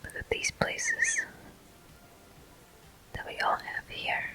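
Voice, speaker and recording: A gameplay host narrates a video game walkthrough in ASMR style, whispering in a quiet, slow, explanatory manner with pauses between short phrases.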